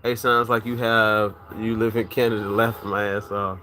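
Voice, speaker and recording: Man, Virginia accent, casual livestream chat, bright voice, faint background noise, swollen-tooth slur. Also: on the low side, little pitch movement, moderate pace. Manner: loose, profane, talks to chat by name. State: swollen wisdom tooth, mouth not fully closing. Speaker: livestream host.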